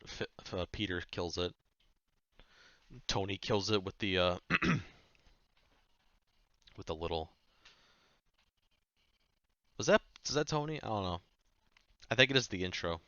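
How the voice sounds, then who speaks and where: Male music reviewer, deep smooth voice, offhand rambling chat, slightly muffled recording. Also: unhurried, pauses often, pushed and bright, no echo. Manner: rambling, offhand, swears casually. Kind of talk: casual chat.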